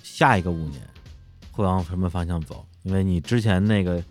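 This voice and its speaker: A man with a very deep voice hosts a podcast conversation. He asks calm, measured questions and keeps the talk going with short affirmations. Faint music plays softly behind him. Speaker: podcast host. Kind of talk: casual conversational interview.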